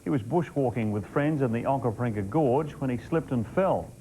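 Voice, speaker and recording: An Australian man presents scripted news. His voice sits at an average pitch for a man, in a formal bulletin read. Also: a little fast, dark tone, slight background noise, poor audio.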